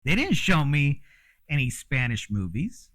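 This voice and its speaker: A man's voice: a little high, big pitch swings, unhurried, fairly bright tone. A man who grew up in Mexico, talking in a rambling, frank casual monologue with frequent fillers and the odd curse. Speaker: host.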